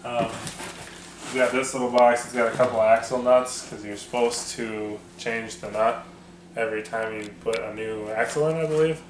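A man casually chatting about his off-road gear, relaxed and rambling with lots of fillers. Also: mid-range voice, moderate pace. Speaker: off-road video host. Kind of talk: casual garage chat. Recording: echoey room with faint noise.

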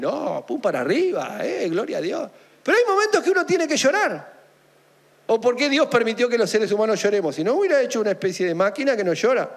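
A male pastor with an Argentine accent, preaching a conversational sermon full of asides, jokes and rhetorical questions. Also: high-pitched. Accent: Argentine Spanish.

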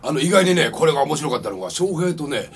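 Man, Osaka accent, band member, lively pitch, playful banter. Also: fast talker, a little hiss or hum. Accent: Osaka Kansai. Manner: joking, emphatic, playful banter. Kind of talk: casual interview chat.

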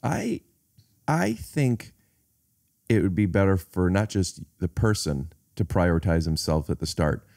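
Low, mellow-voiced man hosting a podcast. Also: big pitch swings, creaky. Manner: rambling, playful, halting with fillers. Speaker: podcast host. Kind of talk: casual podcast conversation. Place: living-room podcast set. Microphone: studio mic on boom arm, headphones.

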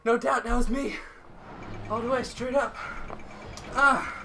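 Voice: mid-range voice, steady tone, a little slow, sharp tone, slight background noise. A gamer giving melodramatic trash-talking commentary while out of breath from exercising. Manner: melodramatic trash talk at the game. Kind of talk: let's play commentary.

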